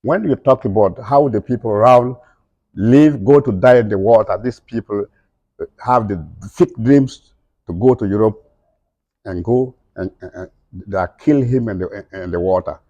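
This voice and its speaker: Speaking at a normal speed, a middle-aged man with a warm, lowish voice gives impassioned interview answers in broken non-native English and keeps repeating his points. The lo-fi recording carries no echo.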